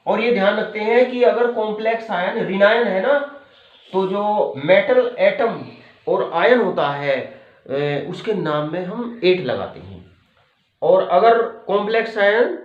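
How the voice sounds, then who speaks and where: A man teaching chemistry in a patient lecture style, repeating key terms and checking in with his students. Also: high voice. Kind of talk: classroom lecture. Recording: echoey room, dull lo-fi sound.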